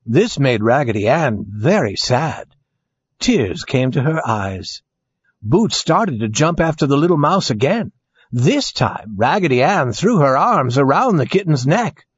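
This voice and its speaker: A man reading a children's storybook aloud in a lively, expressive way, recorded with a dry, dull lo-fi sound. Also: medium pitch, measured pace, husky, no room sound. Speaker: narrator.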